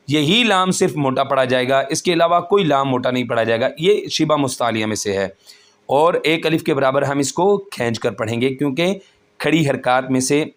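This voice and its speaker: A man teaching Quran recitation rules, explaining each point slowly and patiently and chanting the verses in a melodic voice. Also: medium pitch. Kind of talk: tajweed lesson with chanted recitation.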